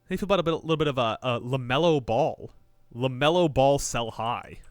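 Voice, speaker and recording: Here a man from Japan, co-host of a sports podcast, talks fast in a smooth, medium-pitched voice with no room sound. His casual banter is animated and full of jokes, with sentences often restarted and left trailing.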